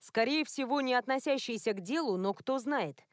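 A woman's voice: high-pitched, animated, normal speed, no echo, clean studio sound. A woman reading a flustered male police inspector. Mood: awkward. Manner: hesitant, earnest.

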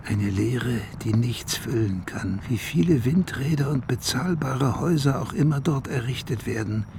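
Playing a reflective narrator from a dying town, a male actor gives a measured, literary radio-play monologue, sometimes dropping to a hush. His medium-pitched voice has lively intonation and vocal fry, set against a noisy background, with an elegiac, resolute mood.

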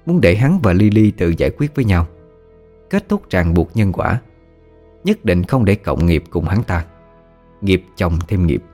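A man narrates a first-person audio story in a steady storytelling manner. His voice is very low. Quiet music plays beneath the reading. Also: measured pace, long pauses.

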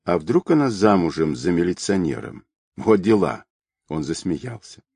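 A man narrating an adventure story as an audiobook in an expressive, dramatic reading. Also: deep voice, moderate pace, slightly rough, no room sound, studio quality. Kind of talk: scripted narration.

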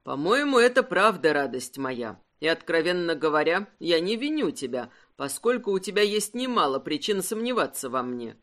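A woman voicing a confident, teasing aristocratic man, an earl, in a lowered, unhurried voice for a storybook. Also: very animated, fairly bright tone. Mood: serious.

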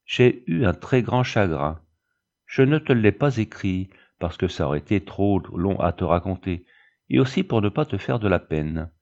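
A man reading the part of a chatty, excitable young girl who confides eagerly to her big sister, in a storybook reading. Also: fairly low pitch, normal speed, highs cut off. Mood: confiding.

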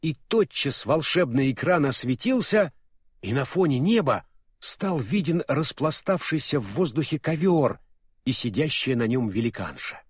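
A man narrating a fairy-tale audiobook in an expressive, vivid storytelling manner. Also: medium pitch, moderate pace, husky, no echo, clean studio sound.

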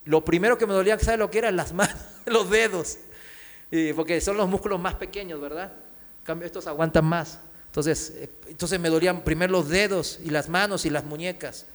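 A man preaching a sermon, telling a story with lively acted-out cries and chuckles. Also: high voice, brisk. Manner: animated storytelling, acts out cries and laughs. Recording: long hall reverb.

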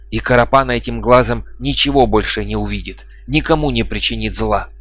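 A man's voice: medium pitch, fairly bright tone, dry recording, close to an everyday voice. Feverish fierce cripple, choked strained voice, dry sound, read by a man. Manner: strained, choked half-whisper.

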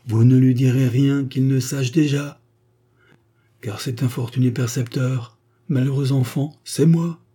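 An earnest older gentleman gently lectures in a storybook reading, as a man reads his part. His voice is dark and husky. His tone is grave and moralizing. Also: medium pitch, fairly even intonation, unhurried, pitched above the performer's own voice. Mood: stern. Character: kindly grave older gentleman, a tax collector.

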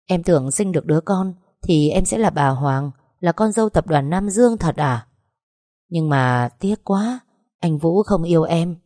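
A woman's voice: sits low, warm tone, dry recording, clean studio sound. A woman voicing a spiteful, scheming young woman who taunts and sneers at her rival.

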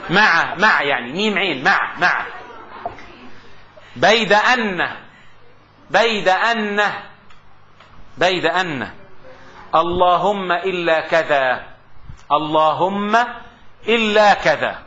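Man, middle-aged, classroom grammar lecture, lively dictation, muffled recording. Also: sits high, takes it slowly, pauses often, a little hiss or hum. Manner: lively, repeats terms for dictation, jokes with students.

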